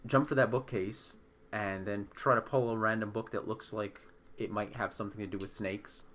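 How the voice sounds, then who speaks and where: A man playing a tabletop role-playing game, planning his moves in a joking, profane, animated way. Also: fairly low pitch, normal speed. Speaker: player. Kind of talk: casual tabletop game play.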